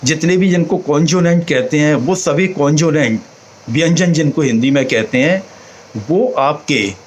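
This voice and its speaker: A man teaching slowly, pausing to demonstrate each sound aloud. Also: on the high side, slight background noise, poor audio. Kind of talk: explanatory talk on chanting.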